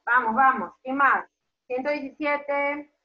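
A woman's voice: high-pitched, slow pace. A woman preschool teacher leading an online class for small children, cheerful and coaxing, praising them by name and telling a story. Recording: roomy, distant, dull sound.

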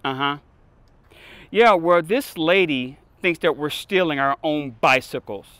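A middle-aged police captain in a screen drama. His voice sits a little high for a man, and he speaks with dry, measured authority. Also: expressive, a bit bright, dry recording. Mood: relaxed, amused. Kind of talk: acted drama dialogue. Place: outdoor parking lot.

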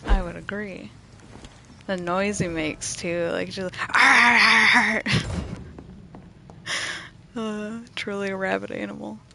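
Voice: medium pitch, little pitch movement, slow, gravelly, long pauses, a little hiss or hum. A streamer giving casual live gameplay commentary, laid-back and reading the tutorial text aloud.

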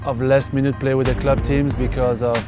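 Measured man explaining a running program. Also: medium pitch, flat delivery. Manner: measured, with pauses and fillers. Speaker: coach. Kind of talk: documentary interview. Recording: background music under the voice.

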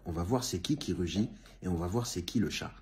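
Lively low-voiced man teasing players. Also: normal speed. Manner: animated and teasing, talks straight to players and fans with frequent exclamations. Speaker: comedian giving a sports debrief. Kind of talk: comic sports commentary to camera.

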